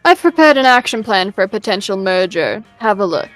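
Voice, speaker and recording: A woman playing a cold, scheming snake lady from a game, laying out her plans in a slow, formal voice that rises and falls widely. She sounds calculating and in no hurry at all. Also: medium pitch, expressive, fairly bright tone, faint music behind, lightly acted, poor audio.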